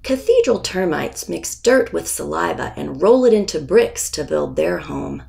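The author of a children's nonfiction picture book narrates it herself, her fairly low voice darkish in tone and touched with gravelly creak. She's animated yet very slow and deliberate, giving the text expression and pausing ahead of key words.

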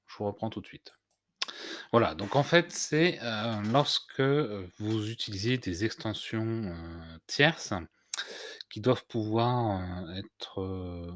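Male tutorial host, low-pitched, halting delivery with fillers, dry close-miked sound. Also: no room sound. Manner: hesitant, many "heu" fillers and restarts. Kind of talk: screen-recorded software tutorial.

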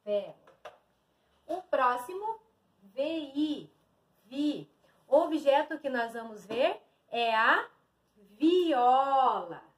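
Slow, high-voiced woman teacher. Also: expressive, fairly bright tone. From Brazil. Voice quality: slow, drawn-out, stressing each syllable. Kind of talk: slow early-reading lesson for young children.

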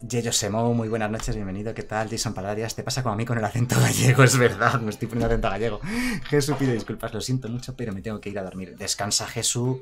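A man's voice: on the low side, steady tone, quick pace, a crowd in the background. A man streaming a card game, chatting casually, reading chat aloud and laughing often. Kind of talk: casual live-stream commentary.

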